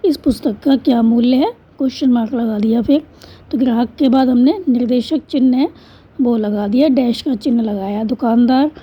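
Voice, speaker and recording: High, husky-voiced woman teacher. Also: moderate pace. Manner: patient, step-by-step, asks and answers her own questions. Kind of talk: explaining a school textbook exercise. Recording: dull lo-fi recording.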